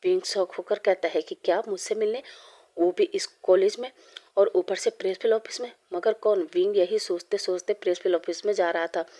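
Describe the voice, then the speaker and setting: Mellow, flat-voiced woman telling a story. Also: mid-range voice, a little fast. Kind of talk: fan-fiction story narration.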